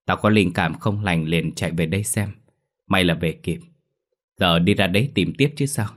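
A man's voice: low-pitched, moderate pace, natural voice. A man voicing a stern young male exorcist who talks in a brusque, commanding way, in a spoken ghost story.

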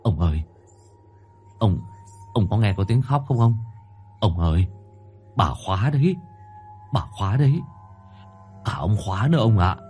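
A man's voice: lowish voice, expressive, a little slow, pauses often, dark tone, soft background music. A man voicing a young male servant who begs and whimpers in terror. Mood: frightened. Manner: begging, whimpering. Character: young male servant, beaten, terrified, pleading.

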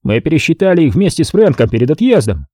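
A man's voice: a little high, sing-song, quick pace, dark tone, no echo, clean studio sound, voice pushed up. A man reading an audiobook voices a cocky, teasing male gangster who needles his partners. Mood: sly.

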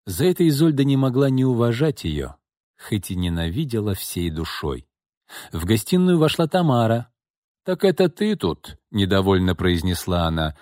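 A man reading a novel aloud as an audiobook narrator, in an expressive storytelling manner. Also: fairly low pitch, normal speed, no echo, studio quality.

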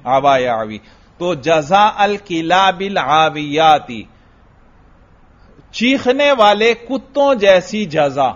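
A man giving a classroom lecture on Arabic grammar as a religious teacher, chanting verses slowly and putting questions to his students. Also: a little high, big pitch swings. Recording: dull lo-fi lecture recording.

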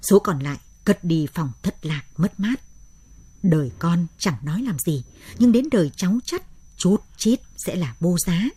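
A woman narrating a late-night radio story in a measured, steady way. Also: on the low side, husky, no room sound.

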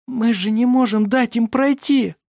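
A woman's voice: on the high side, a little slow, a little mellow, no room sound, studio quality. A woman voicing a frightened young woman in an audiobook, pleading in anxious, breathless exclamations. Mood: desperate. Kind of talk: audiobook character reading.

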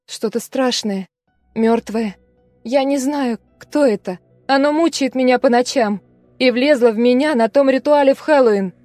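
A shaken young student girl relives a terrifying night, voiced by a woman reading the story. Her voice is fairly high, fragile and breathless, caught close and dry. Faint music plays behind. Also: measured pace, dark tone, dry recording. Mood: shaken recounting. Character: frightened young female student recalling a trauma.

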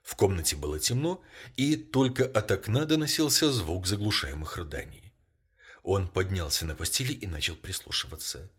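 Low-voiced guy reading a story aloud, slow and somber, a bit husky. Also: expressive. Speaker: narrator. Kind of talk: audiobook narration.

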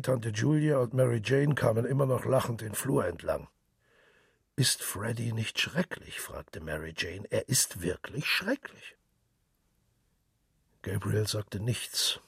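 A man narrating a literary story for radio in a calm, measured way. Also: lowish voice, vocal fry, husky, no echo, studio quality.

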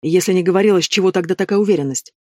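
A man's voice: racing, dry recording, clean studio sound, lightly acted. A man reading a menacing bandit boss. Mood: contemptuous. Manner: mocking, low and threatening. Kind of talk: audiobook reading.

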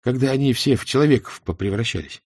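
A man narrating a humorous audiobook in a wry, measured storytelling manner. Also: medium pitch, slightly rough, dry recording, studio quality.

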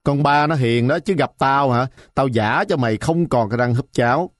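A man voicing a shrill, sour-tongued old woman who bullies a village market, scolding and threatening. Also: moderate pace, no echo, studio quality, natural voice.

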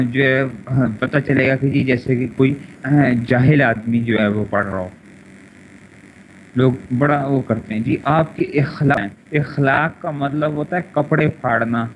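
A man with a Pakistani Urdu accent giving an online grammar lesson, repeating words and drilling conjugations over and over. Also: mid-range voice. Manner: repetitive, drilling word pronunciations and conjugations. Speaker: teacher of Arabic morphology. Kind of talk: online classroom lecture. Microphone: internet voice chat room. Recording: lo-fi voice chat with faint noise.

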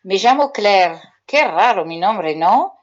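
A Belgian woman with a Belgian French accent teaches French to children on community radio, speaking slowly in an expressive, medium-pitched voice through dull audio. She's playful and chatty, posing riddle-like questions to the kids and answering them herself.

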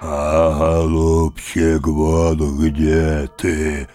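A man voicing a bear spirit that slowly bellows back the old man's words. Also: a bass voice, completely flat delivery, dark tone, voice pushed down, full character voice. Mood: menacing. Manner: slow bellowing roar.

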